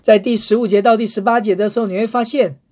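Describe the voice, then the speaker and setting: A woman's voice: medium pitch, fairly even intonation, fast, a little mellow. A woman preaching a devotional sermon, reading scripture and earnestly acting out heartfelt prayers. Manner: earnest, emotive, acts out prayers.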